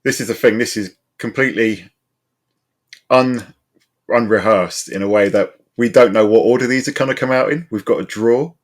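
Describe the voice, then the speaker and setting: A man co-hosting a casual gaming chat who speaks haltingly, with fillers and restarts. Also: fairly low pitch. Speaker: co-host.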